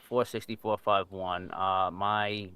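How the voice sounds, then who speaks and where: A man talking over a police radio as a roleplay officer, calling in codes in a halting way. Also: low voice, flat delivery. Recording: noisy radio transmission from far off.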